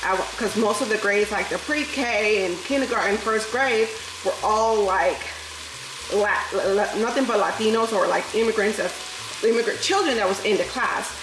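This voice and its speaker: A vlogger in her thirties from New York City, a native Spanish speaker, chats casually with viewers while cooking in her home kitchen as food fries. Her New York accent has a Southern lilt; she's chatty, laughs often and calls viewers "y'all." Her medium-pitched voice runs at normal speed in a roomy space with background noise.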